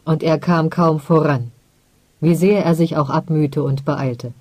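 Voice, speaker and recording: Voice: medium pitch, measured pace, a little mellow, no room sound. Ein ruhiger, gemessener Erzählvortrag, trocken und ganz nah am Mikrofon aufgenommen. Die Lesung bleibt gedehnt und ernst, ohne jeden Raumhall. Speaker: audiobook reader. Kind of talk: scripted narration of a literary story.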